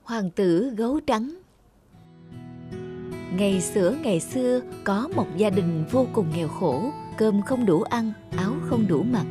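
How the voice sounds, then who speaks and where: A woman narrating a fairy tale in a soft, quiet storybook manner. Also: medium pitch, lively intonation, normal speed, hardly any pauses, music in the background.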